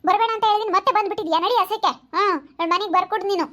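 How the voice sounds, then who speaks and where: A woman's voice: very high-pitched, very fast, fairly bright tone. A woman voicing a young village woman who pleads innocence in a whiny, pleading way. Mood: complaining. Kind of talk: skit acting.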